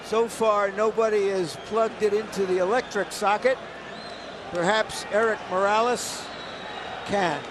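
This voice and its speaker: A man giving live boxing commentary in measured, halting phrases. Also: high voice, fairly even intonation, a crowd in the background. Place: ringside in large arena. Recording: clear arena noise behind voice.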